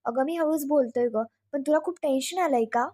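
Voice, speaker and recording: A woman's voice: high-pitched, a little fast, warm tone, close to an everyday voice. A woman voicing a playful, smug young husband who mockingly needles his wife. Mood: teasing.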